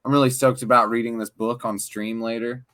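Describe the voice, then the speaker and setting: A man co-hosting a podcast, joking around and getting excited in casual chat. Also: mid-range voice, a little fast. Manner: jokey, excitable, laughing. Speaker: podcast co-host.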